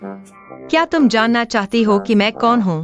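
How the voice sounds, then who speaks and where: A woman dubbing a sharp-tongued young woman in a drama who talks curtly and bluntly. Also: a little high, animated, a little slow, muffled recording, soft background music. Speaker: voice actor in a Hindi dub. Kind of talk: dubbed TV drama acting.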